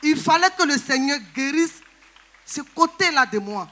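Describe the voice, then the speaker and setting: A woman's voice: sits high, expressive, sharp tone. A woman giving a personal testimony in a church service, earnest and recounting. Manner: earnest, recounting, quick replies.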